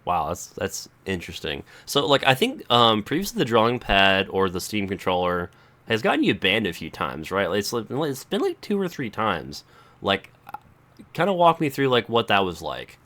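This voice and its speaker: Low-voiced male interviewer, halting and filler-heavy questions. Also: sing-song, fairly bright tone. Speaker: interviewer, author.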